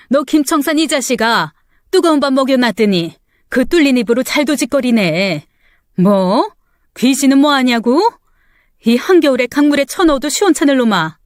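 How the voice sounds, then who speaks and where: A woman's voice: fairly high pitch, animated, moderate pace, no echo, clean studio sound, lightly acted. A woman doing a furious old mother-in-law. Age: older. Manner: scolding, cursing. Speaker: story character voice. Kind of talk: dramatized story reading.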